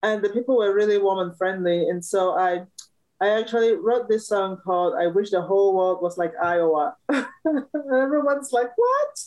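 A woman's voice: mid-range voice, lively intonation, normal speed, a little mellow, highs cut off. A woman from Cameroon, a musician guest in a casual interview, talking cheerfully and laughing often.

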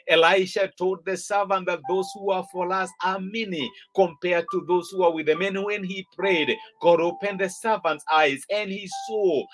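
A man's voice: high voice, fairly bright tone, poor audio. A man preaching a sermon, exhorting his listeners in an earnest way and repeating phrases for emphasis.

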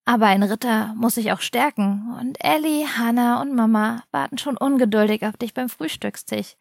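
A woman voicing a cheerful father who gently teases his sleepy son. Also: fairly high pitch, normal speed, vocal fry, no room sound, studio quality. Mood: amused. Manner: amused and gentle. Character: cheerful, teasing father of a young boy.

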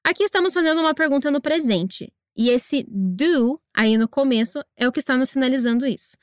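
Female English teacher, high voice, dry close mic, patient drills. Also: lively intonation, no echo. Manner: encouraging, slow deliberate pronunciation drills. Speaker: English teacher and podcast host. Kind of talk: scripted language lesson narration.

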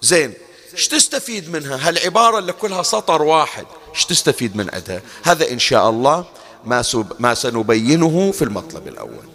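Man, preacher, religious lecture, slightly high voice, rhetorical questions. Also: big pitch swings, fast, sharp tone.

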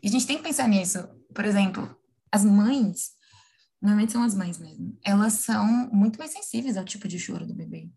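A woman, explaining things in a lively, casual conversation, often asking her listeners "right?". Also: medium pitch, brisk, vocal fry, husky. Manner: animated, acts out imagined quotes, frequent tag questions.

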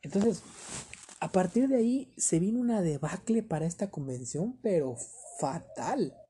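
A man's voice: high voice, expressive, moderate pace, warm tone, slight background noise. A man telling a personal story to his viewers in a rambling way, full of fillers and emphasis. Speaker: vlogger. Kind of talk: storytime vlog.

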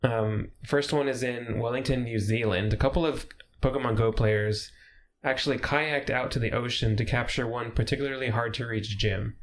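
A man's voice: medium pitch, steady tone, normal speed, slight background noise. A man hosting a casual podcast chat, laid-back and swearing casually, laughing often. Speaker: podcast host.

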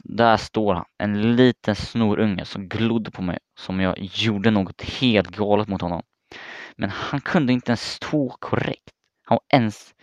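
A young man narrating a personal story in the first person, casually and haltingly, often restarting his words. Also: on the low side, smooth, dry recording. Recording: dry, slightly muffled recording.

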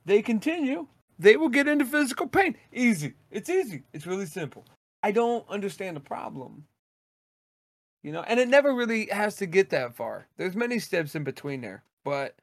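Blunt high-voiced man ranting. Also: sing-song, fairly quick, no echo, studio quality. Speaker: podcast co-host. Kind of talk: casual podcast rant.

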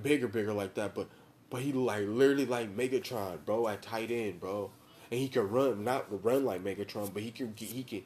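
A young American man with a soft-edged, mellow tone chats casually like a frat bro. His talk is heavy with slang and swearing, and he hammers his points home by repeating them. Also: medium pitch. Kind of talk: casual chat about football tactics.

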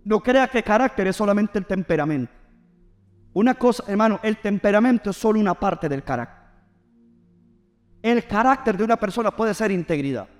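A middle-aged pastor preaches in a high, lifted voice. He talks in an animated way and keeps calling on the congregation to answer him back. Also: a little fast, long pauses. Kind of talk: sermon.

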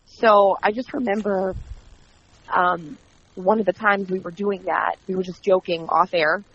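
A chatty woman guest with a husky, breathy voice tells stories in a lively, animated way, acting out bits of dialogue. Her voice sits at a middle pitch, and the recording sounds dull and lo-fi. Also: measured pace. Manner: chatty, animated storyteller who acts out quoted dialogue. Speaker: wrestling commentator and guest. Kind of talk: casual interview. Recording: dull lo-fi audio.

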